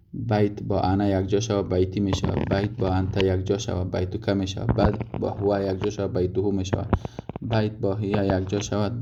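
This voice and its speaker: A man teaching Arabic grammar step by step, working through many examples and restarting often. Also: sits low. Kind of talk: recorded grammar lesson summary. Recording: dull lo-fi audio with clear noise.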